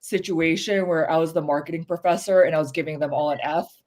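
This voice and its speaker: A podcast co-host, a woman, talks quickly but with a steady, darkish tone. She's candid and strongly opinionated on this casual show, uses lots of fillers, and raises her pitch to emphasize points.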